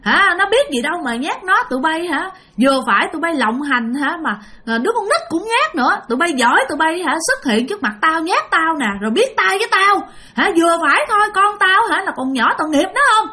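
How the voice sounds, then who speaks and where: A woman's voice: extremely high pitch, big pitch swings, fairly quick, pushed and bright, voice pushed up, full character voice. A woman putting on a fierce old grandmother who shrilly scolds and curses spirits. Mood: furious.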